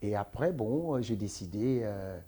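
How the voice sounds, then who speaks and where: A man's voice: fairly low pitch, animated, unhurried, warm tone, breathy edge. A man from the Democratic Republic of the Congo, answering interview questions as a guest, earnest and emphatic. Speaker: interview guest, entrepreneur and author.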